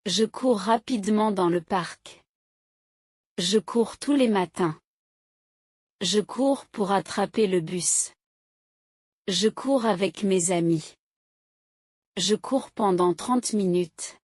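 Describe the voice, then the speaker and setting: A woman slowly reading short example sentences aloud as a language teacher, each one clearly articulated in a steady drill. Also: mid-range voice, dry recording, clean studio sound. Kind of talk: slow, carefully paced reading of example sentences.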